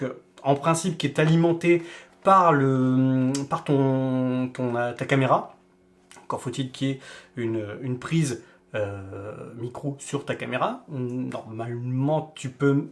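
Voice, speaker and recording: A man filming a casual unboxing vlog, speaking straight to the viewer in a chatty, informal way through a camera-mounted shotgun mic. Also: medium pitch. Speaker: vlogger reviewing gear.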